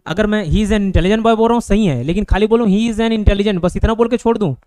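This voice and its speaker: High-voiced Indian man teaching English grammar. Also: a little mellow, no echo. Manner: explains slowly, with many checking questions. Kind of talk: online classroom lesson.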